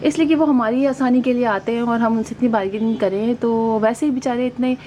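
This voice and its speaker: A woman's voice: on the high side, fairly even intonation, brisk, dark tone, low-quality recording. A middle-aged woman, chatting casually and rambling with many fillers as she shows her new plants. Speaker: gardening vlogger. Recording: faint background noise.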